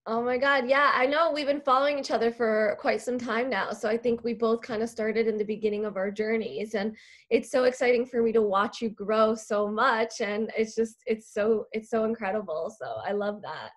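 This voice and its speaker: A woman's voice: a little high, fairly even intonation, normal speed. A woman hosting a podcast, interviewing a guest with lots of enthusiasm. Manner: enthusiastic, gushing. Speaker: podcast host. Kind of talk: casual interview chat.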